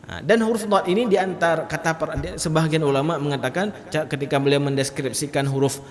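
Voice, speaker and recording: Male Quran teacher, high voice, reverberant mosque hall, alternates explanation with chanted demonstrations. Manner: explains letters then demonstrates with loud drawn-out recitation. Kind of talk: mosque tajwid lesson.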